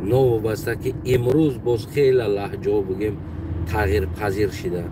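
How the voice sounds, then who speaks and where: A man with a Tajik accent talking in a casual monologue, halting and often pausing to search for his words. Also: fairly low pitch, level tone. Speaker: commentator. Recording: distant mic with loud outdoor traffic noise.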